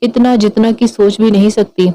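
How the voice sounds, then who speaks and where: A woman's voice: medium pitch, little pitch movement, normal speed, mellow, close to an everyday voice, rough recording. A woman voicing a playful, lovestruck young man who talks in a smiling, teasing way. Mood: loving.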